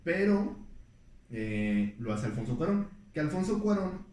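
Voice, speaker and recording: A man's voice: on the high side, big pitch swings, a little slow, darkish tone. A man tells film stories in a loose, rambling way, full of fillers and restarts. He sits back from the microphone. The room rings with heavy echo. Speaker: podcast guest. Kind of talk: casual storytelling chat. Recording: echoey room, distant mic.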